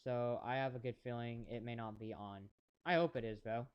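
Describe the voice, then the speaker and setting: A man's voice: medium pitch, steady tone, fairly quick, clean tone, dull audio. A man giving casual live-stream commentary on a race, chatty and rambling, talking to his chat viewers.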